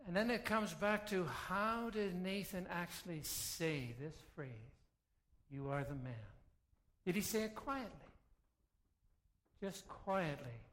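Slow, bright-voiced male preacher. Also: sits high. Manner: reflective, emphatic and measured. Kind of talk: sermon.

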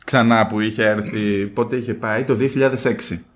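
A man's voice: lowish voice, fairly even intonation. A man co-hosting a casual podcast chat, playful and teasing as he tells stories. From Greece. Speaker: podcast co-host.

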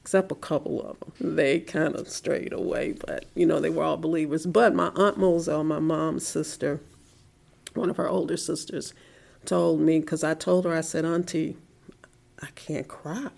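A middle-aged woman giving a heartfelt personal faith testimony in an interview, soft-spoken and at times dropping to a whisper. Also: deep voice, fairly even intonation, normal speed, gravelly.

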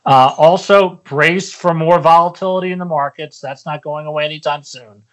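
A man speaking as an investment analyst in a podcast interview, explaining in a measured, somewhat hesitant way. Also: on the high side, fairly even intonation.

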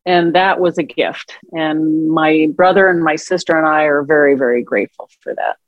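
A woman's voice: sits low, steady tone, normal speed, dry recording, muffled recording. A middle-aged woman in an interview, telling personal caregiving stories in a reflective, conversational way and acting out quoted dialogue. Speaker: guest, author and caregiver.

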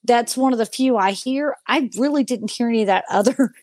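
A woman's voice: a little high, fairly quick, dry recording. A woman co-hosting a paranormal podcast, chatting casually about the voices she caught on tape and acting them out as she retells them. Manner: animated storyteller, imitates the voices she heard. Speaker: paranormal investigator and podcast co-host. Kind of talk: casual chat reviewing ghost-hunt audio.

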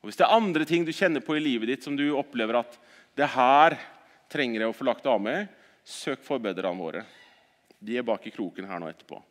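A man preaching a sermon at a church service, swinging between loud exhortation and quiet earnest talk, often repeating words as he restarts sentences. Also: medium pitch, lively intonation, in a large hall.

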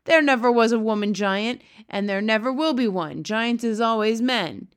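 A woman's voice: mid-range voice, lively intonation, normal speed, natural voice. A woman voicing a very old, kindly male giant who talks with mangled grammar and made-up words. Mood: emphatic.

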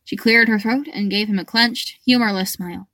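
A woman's voice: medium pitch, moderate pace, bright, forceful tone, no echo, studio quality. Woman narrating a fan fiction audiobook.

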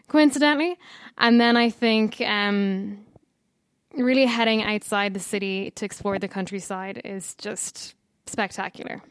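An Irish woman from Dublin, in her thirties, talking as an interview guest. Her voice is smooth and clear and she rambles happily with little fillers. The sound is close and dry, with no room. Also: medium pitch, dry recording. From Ireland. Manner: chatty, warm storytelling with fillers. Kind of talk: casual interview chat.

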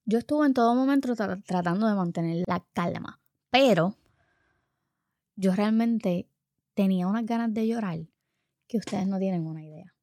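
A woman's voice: medium pitch, moderate pace, pauses often, darkish tone, no room sound, clean studio sound. A woman. She tells a family story casually from her living room and acts out the people she quotes. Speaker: mother telling a family story. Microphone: home recording set.

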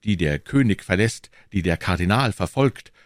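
A man's voice: sits low, expressive, normal speed, no room sound, clean studio sound. A man voicing an ardent, bold young Gascon swordsman, speaking earnestly and with passion. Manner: earnest, impassioned.

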